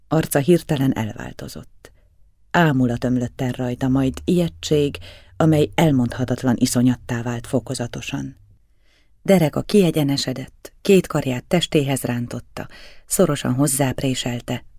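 A man reads a novel aloud in steady, measured narration. His voice is mellow with a gravelly texture, and the recording is close and dry. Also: medium pitch, dry recording. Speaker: audiobook narrator. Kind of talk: audiobook reading.

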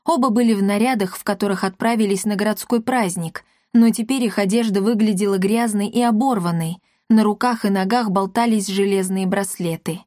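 A woman narrating a children's audiobook in a measured storytelling manner. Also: medium pitch, darkish tone, no echo, clean studio sound. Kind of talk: scripted narration.

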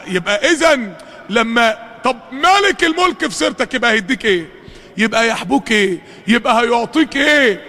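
Echoing through a reverberant mosque hall, a high-pitched, bright, forceful voice belongs to a man with an Egyptian accent giving a fervent sermon. He piles up rhetorical questions and calls out to the congregation.

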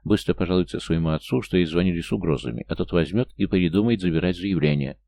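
A man's voice: deep voice, quick pace, vocal fry, mellow, no room sound. A man doing a despairing young mother. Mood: urgent. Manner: anxious, pleading, tearful. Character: desperate young single mother, tearful and frightened.

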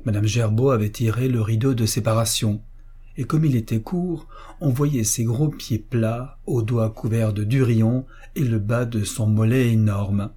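A male audiobook narrator reads a classic story in short, measured phrases. His voice is mellow and dark, with a husky texture. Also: medium pitch.

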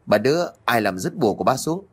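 A man's voice: mid-range voice, big pitch swings, quick pace, breathy edge. A man voicing a frightened, blustering middle-aged husband who stammers in a fluster.

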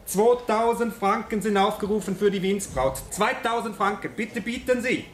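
An actor playing a formal auctioneer in a German radio play, calling out bids and lots with practised patter. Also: male voice, high-pitched, moderate pace, roomy sound, a little hiss or hum, close to an everyday voice. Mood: formal, brisk. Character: formal male auctioneer running an art sale.

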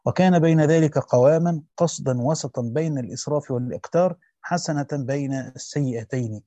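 A man reading a classical Quran commentary aloud in a steady scholarly way, often repeating a phrase to correct himself. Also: a little high, brisk, no room sound, highs cut off.

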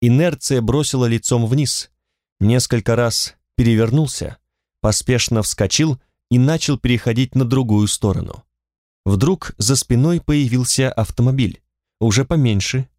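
A man narrates an audiobook in the first person, in a measured, detached way. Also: mid-range voice, darkish tone, no room sound, clean studio sound.

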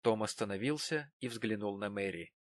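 A man narrating a classic novel as an audiobook reader, in a measured storytelling manner. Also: lowish voice, no room sound.

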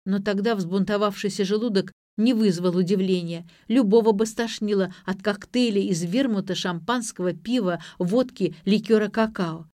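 A sarcastic young student girl, as a woman reader puts her on, fires back quick, mocking retorts in a lifted, raised voice. The audiobook reading is close and dry, with no room sound. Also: mid-range voice, darkish tone, no room sound, lightly acted. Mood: uneasy.

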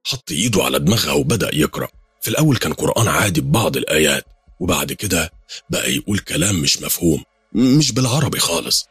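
Egyptian male horror narrator, brisk storytelling, very deep voice, fast pace. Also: very animated, fairly bright tone, husky, dry recording. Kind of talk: first-person horror storytelling.

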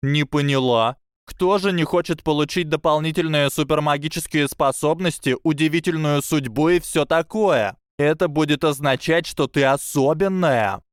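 Man doing a bubbly excitable schoolgirl. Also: fairly high pitch, clear, resonant tone, no room sound, clean studio sound, pitched above the performer's own voice, lightly acted. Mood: excited. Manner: quick and excited.

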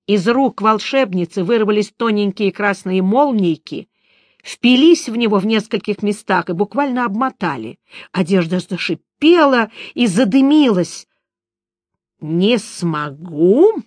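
A woman narrating a fantasy audiobook in a steady reading voice. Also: medium pitch, normal speed, no room sound, studio quality.

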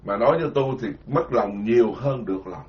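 A man's voice: medium pitch, fairly quick. A man giving an informal Buddhist dharma talk, rambling and self-mocking. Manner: self-mocking, rambling, lively storytelling with quoted voices. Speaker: Buddhist monk lecturer. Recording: dull lo-fi recording.

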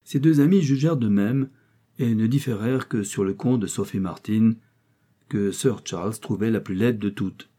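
A man narrating a classic novel in a measured, steady storytelling voice. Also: fairly low pitch. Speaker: audiobook narrator.

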